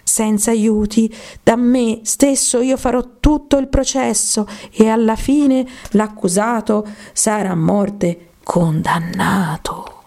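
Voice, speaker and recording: A woman's voice: fairly high pitch, fairly even intonation, slow pace, dark tone, voice pushed up. Woman doing a bossy, gloating mastiff. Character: bossy male mastiff dog, bullying judge. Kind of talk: storybook reading.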